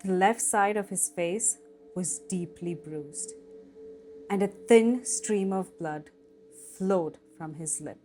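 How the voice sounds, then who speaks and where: Woman, storytelling host, scary story read aloud, unhurried pace, faint music underneath. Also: lowish voice, darkish tone. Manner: slow, dramatic storytelling delivery. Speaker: storytelling cooking channel host.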